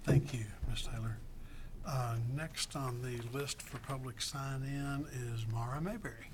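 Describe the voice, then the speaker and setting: A meeting chair calls the next speakers to the podium, reading names slowly and with hesitation. The voice sits off the mic, with clear room ambience around it. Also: medium pitch, noisy background.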